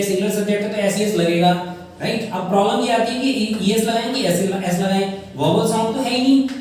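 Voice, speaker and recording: A male English grammar teacher with a high-pitched, darkish voice lays out rules step by step in a classroom-style lesson, addressing his viewers as children. He sounds far from the mic in a very echoey room, with faint noise.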